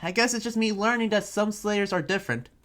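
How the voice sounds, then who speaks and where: A man with a high-pitched, brisk, slightly bright voice improvises as a rambling, earnest young town preacher in an anime Minecraft roleplay. He sounds conversational and explanatory, with hesitant phrasing, and background music plays behind him.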